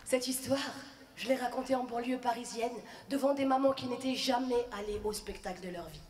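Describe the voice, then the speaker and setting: A woman performing stand-up comedy, telling stories in a lively way. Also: on the high side, a little fast, roomy sound. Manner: lively, storytelling.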